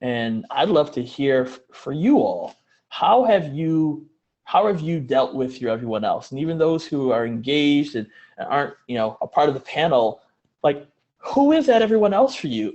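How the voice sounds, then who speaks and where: A man's voice: a little high, warm tone, lo-fi sound. A man presenting a webinar, speaking earnestly, posing questions to a panel and often restarting his phrases.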